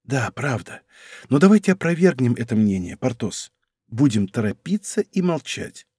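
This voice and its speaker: A man whispering as an urgent hushed bishop. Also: sing-song, moderate pace, breathy edge, no room sound. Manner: soft low whispering, urgent. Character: hushed cunning male bishop, commanding.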